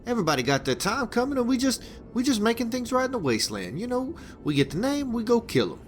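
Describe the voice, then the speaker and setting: A man's voice: very high voice, wildly swooping pitch, quick pace, a little hiss or hum, full character voice. A man playing a crude, rambling wasteland hitman boss. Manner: profane, rambling, stammering restarts. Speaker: game character giving a hitman job. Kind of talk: video game dialogue.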